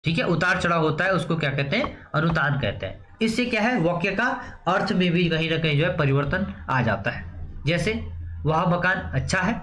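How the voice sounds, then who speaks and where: Guy with a highish voice teaching grammar for exams, asks and answers his own questions, roomy echo, a bit of hiss. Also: expressive, a little fast, fairly bright tone. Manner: repeats questions and answers them himself, frequent "theek hai". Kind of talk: exam-prep grammar lesson. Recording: roomy echo, faint background noise.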